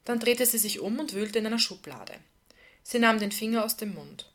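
A woman reading passages from a novel aloud in a calm, even storytelling delivery. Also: a little high, moderate pace. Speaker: reader.

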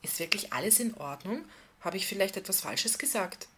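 A woman reading the part of a caring adult woman, speaking softly and asking gentle questions. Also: medium pitch, animated, normal speed, breathy edge. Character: tender, attentive adult woman friend.

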